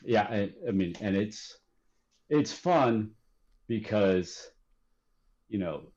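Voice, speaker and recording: Man, low voice, relaxed chat, fillers, dull lo-fi sound. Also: takes it slowly. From Texas. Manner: relaxed, self-deprecating, filler-heavy storytelling. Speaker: podcast guest, graphic designer. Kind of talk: casual chat.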